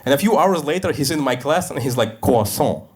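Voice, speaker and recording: A man in his thirties, Russian by birth, telling stories in a deadpan stand-up set on a live stage. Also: fairly high pitch. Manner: deadpan storytelling with quick asides. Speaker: stand-up comedian. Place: stage before a live audience.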